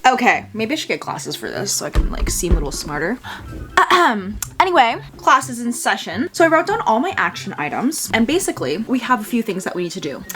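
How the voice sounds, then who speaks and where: A woman's voice: medium pitch, big pitch swings, fairly quick, fairly bright tone, faint music behind. A young woman in her twenties with a slight lisp, chatting casually and bubbly in a vlog, full of "like" fillers. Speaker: vlogger.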